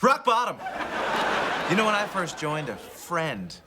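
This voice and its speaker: A man's voice: fairly high pitch, huge pitch swings, measured pace. An actor playing a solemn former game addict sharing his story in a sitcom. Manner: solemn, confessional. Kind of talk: sitcom acting. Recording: studio audience laughter, noisy. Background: live audience laughter.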